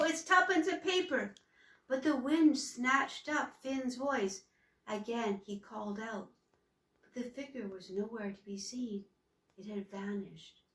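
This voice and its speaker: A woman reads a children's storybook aloud at a slow, gentle pace. Her voice is mid-pitched and sounds distant, with a roomy echo around it. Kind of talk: reading a children's book aloud. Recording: roomy echo, far from mic.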